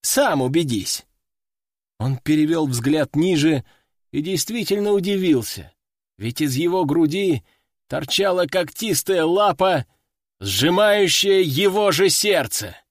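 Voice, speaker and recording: Lively male audiobook narrator. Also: fairly high pitch, measured pace, dry recording, studio quality. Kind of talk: first-person fiction narration.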